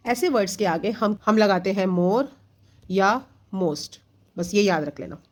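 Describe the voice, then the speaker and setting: An unhurried woman with a medium-pitched voice teaches children grammar for an exam. Blending Hindi and English, she explains patiently step by step, often raising a question and then answering it herself.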